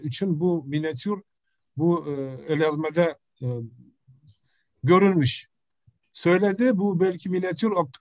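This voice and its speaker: A middle-aged man with an Uzbek accent giving an academic presentation on a video call, speaking halting, broken non-native Turkish mixed with Uzbek. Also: fairly high pitch, no echo. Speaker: professor presenting research. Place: indoor room, video call. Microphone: computer microphone on video call.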